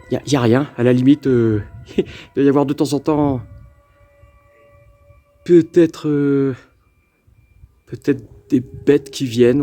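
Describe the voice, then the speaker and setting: A man alone in an abandoned mountain fort, investigating the paranormal and calling out to spirits, often stammering with excitement. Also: medium pitch. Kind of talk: ghost-hunting vlog narration.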